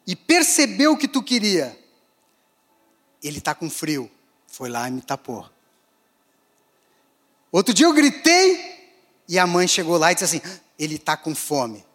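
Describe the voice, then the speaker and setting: Pastor guy, high voice, preaching in a big echoey hall, goes loud then real quiet. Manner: dramatic, swings between raised and hushed delivery. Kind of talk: sermon. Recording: long hall reverb.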